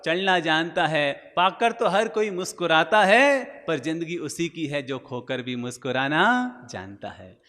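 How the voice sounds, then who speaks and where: High, bright-voiced male preacher in a hall. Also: unhurried, hardly any pauses. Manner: storytelling, rhetorical questions, acts out anecdotes. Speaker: Jain monk preacher. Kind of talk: sermon. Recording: long hall reverb.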